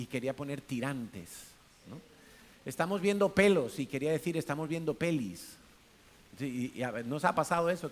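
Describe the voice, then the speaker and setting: A man with a Spanish accent preaching a sermon in a church hall, in a conversational way, asking the congregation questions and acting out different tones of voice. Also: fairly high pitch. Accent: Peninsular Spanish. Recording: faint hiss.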